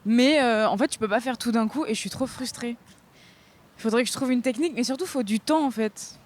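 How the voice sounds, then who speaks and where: A woman's voice: a little high, a little fast. A young woman co-hosting a podcast, chatting casually outdoors in the wind, laughing often and trailing off with fillers. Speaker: podcast co-host. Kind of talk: casual chat. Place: outdoors by a river, windy.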